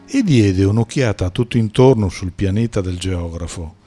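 A man narrating a storybook in a measured, storytelling manner. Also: low voice, warm tone, soft background music. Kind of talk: scripted audiobook narration.

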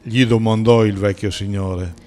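A man narrating a storybook in a measured, storytelling manner. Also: on the low side, fairly even intonation, warm tone, faint music behind. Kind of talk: scripted audiobook narration.

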